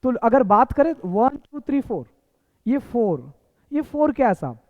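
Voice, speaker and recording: A man's voice: extremely high pitch, sing-song, measured pace. A man teaching a basic English lesson, repeating points and asking rhetorical questions. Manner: repetitive, quizzing with rhetorical questions. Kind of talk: classroom lesson. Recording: echoey hall, tinny phone-like sound.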